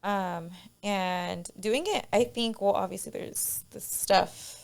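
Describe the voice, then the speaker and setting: A woman's voice: mid-range voice, takes it slowly, vocal fry, a little mellow. A woman personal trainer as a podcast guest, chatting casually with frequent fillers and giggles.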